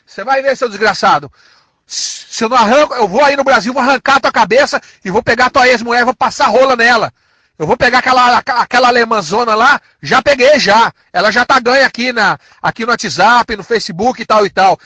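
Extremely high and sharp, with a breathy edge, this man's voice carries no room sound. He's a São Paulo native from Brazil speaking in the local Portuguese accent. His aggressive rant is full of insults and threats, repeated again and again and stretched out.

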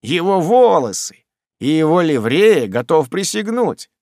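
A brash young manservant with a quick, mocking tongue, as a man reading aloud puts him on, bellowing threats in a high, lively voice that swings all over. Dry, close storybook recording. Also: dry recording. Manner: loud, mocking, threatening shouts.

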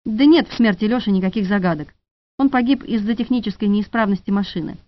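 Gruff impatient police major, read by a woman. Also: medium pitch, quick pace, no room sound, lightly acted. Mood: brusque. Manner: curt, snapping. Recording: dull dry studio recording.

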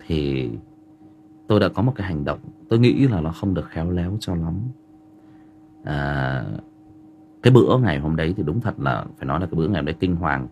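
Animated Northern Vietnamese man telling stories. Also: low-pitched, slight background noise. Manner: animated, rambling, frequent filler words. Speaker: livestream host. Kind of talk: casual storytelling to viewers.

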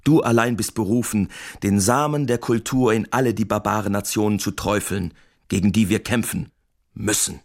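Bitter, ironic letter-writing artist, gravelly low voice, radio drama. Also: male voice, steady tone, normal speed. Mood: mock rapture. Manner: mock-patriotic irony turning bitter. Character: sardonic lonely male artist writing wartime letters.

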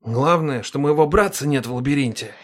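A woman voicing a cold, indifferent male dragon in a lower, dismissive tone in an audiobook. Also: a little fast. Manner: low, flat and dismissive.

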